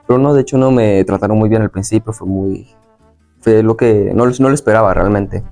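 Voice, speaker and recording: A young Venezuelan man, a guest in an interview, talks briskly in a lowish, dark voice with vocal fry while faint music plays behind him. He casually recalls his experiences, a little hesitant and circling back as he goes.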